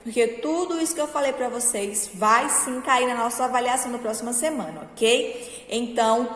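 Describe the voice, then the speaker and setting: Woman teacher, slightly high voice, slow and encouraging with kids, room echoes a lot. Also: a bit bright. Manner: slow, patient, encouraging, checks understanding with "certo?". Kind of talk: recorded review lesson for children. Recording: echoey room with long reverb.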